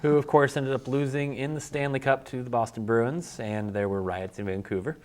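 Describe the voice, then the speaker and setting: A man co-hosting a sports show, casually recapping the hockey season in a halting, joking way with many fillers. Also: medium pitch, fairly even intonation. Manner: halting, filler-heavy, jokey.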